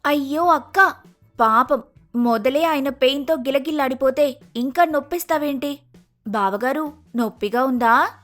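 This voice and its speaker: A gushing young girl in falsetto. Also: unhurried, long pauses, pushed and bright, faint music behind, full character voice. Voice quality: shrill falsetto. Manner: gushing, pushy.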